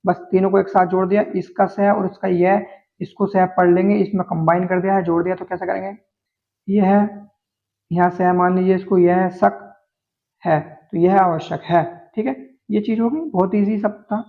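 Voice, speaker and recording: A man with a high-pitched voice teaches shorthand, talking through each outline patiently and repeating words as he goes. He keeps coming back to small filler checks. The sound is thin and phone-like. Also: little pitch movement. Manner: patient, repeats words slowly, many "theek hai" fillers. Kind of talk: explaining Hindi shorthand outlines step by step. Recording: tinny, phone-like narrow sound.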